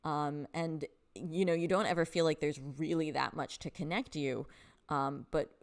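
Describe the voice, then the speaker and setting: A young woman hosting a live stream, talking casually with her viewers. Her voice sits fairly low for a woman, and her talk is loose and friendly, full of "um" and "like", with frequent laughs. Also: fairly even intonation, normal speed. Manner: chatty, filler-heavy, laughs often, reads chat aloud. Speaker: livestream host.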